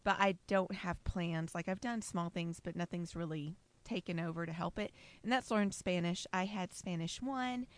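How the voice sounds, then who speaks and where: A woman's voice: on the low side, moderate pace, hardly any pauses. A woman co-hosting a faith podcast, chatting casually, laughing often and teasing her co-host. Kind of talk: casual chat.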